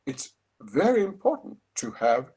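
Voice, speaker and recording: A man's voice: mid-range voice, sing-song, a little slow, warm tone, husky. Older man giving a thoughtful lecture. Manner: thoughtful, with restarts and emphatic stresses. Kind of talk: academic lecture. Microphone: video call.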